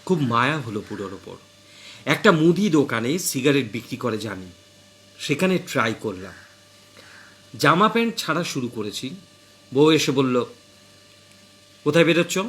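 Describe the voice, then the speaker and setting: A man's voice: mid-range voice, very animated, moderate pace, long pauses, a bit bright. A man narrating a comic short story with dry, wry asides.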